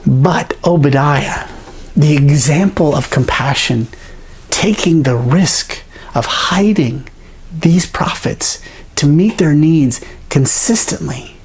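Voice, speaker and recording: A preacher giving a sermon, retelling a Bible story in an animated way with pauses. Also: medium pitch, breathy edge.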